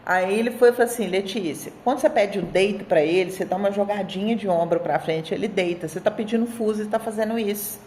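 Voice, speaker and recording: A woman in her thirties with a Brazilian Portuguese accent, a dog trainer presenting an article in a chatty, animated storytelling way, talking straight to her viewers. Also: mid-range voice, quick pace, hardly any pauses, a little hiss or hum. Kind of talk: casual video presentation of an article.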